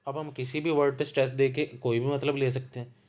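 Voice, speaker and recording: A man with a Punjabi accent teaches in a calm, unhurried lecture voice at a mid-range pitch. He works through each idea with small examples and repeats key points patiently. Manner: slow, patient, explains with examples. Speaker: literature lecturer. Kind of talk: explanatory lecture.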